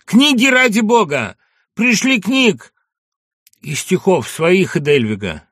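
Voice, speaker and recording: A man's voice: very animated, takes it slowly, a bit bright, no echo, studio quality, exaggerated voice. A man voicing an anguished prisoner crying out. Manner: high, strained cries. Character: thin imprisoned man, emotional, calling out.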